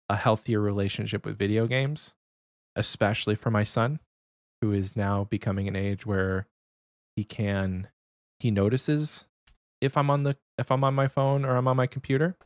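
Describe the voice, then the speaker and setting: Speaking softly to avoid waking someone, a young adult podcast co-host chats casually. His voice is fairly low, and the recording has no echo.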